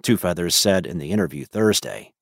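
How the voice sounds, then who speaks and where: A man narrates a daily weather news report in an even, measured read. His voice sits fairly low. The recording is dry and close, with no room sound. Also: vocal fry, no room sound.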